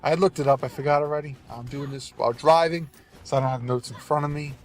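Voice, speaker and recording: With faint music in the background, a man talks fast in a steady, medium-pitched tone. He's a gaming video host with a cold who sounds nasal and congested, rambling casually and apologetically over gameplay as he drives his car.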